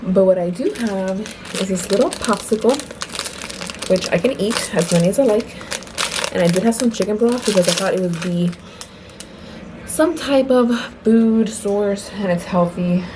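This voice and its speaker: A woman's voice: mid-range voice, normal speed. A young woman vlogs from a hospital bed, holding her phone close and chatting in a casual, upbeat way. She sounds tired from labor but stays light and self-deprecating. A faint hum of the hospital room sits under her voice. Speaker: vlogger. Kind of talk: casual vlog narration.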